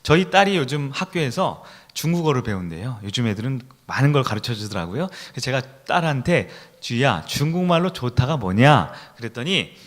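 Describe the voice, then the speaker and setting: A man's voice: medium pitch, big pitch swings, a little fast, few pauses. A middle-aged man preaching a sermon in a church, who keeps asking the congregation questions and leads them in call-and-response. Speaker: pastor. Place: church sanctuary.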